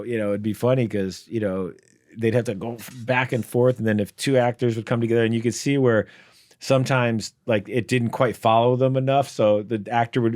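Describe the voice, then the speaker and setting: A man's voice: medium pitch, darkish tone, dry recording, studio quality. A man, a guest comedian, telling rambling anecdotes in casual podcast chat, with many fillers and laughs. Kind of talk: casual storytelling. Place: podcast studio.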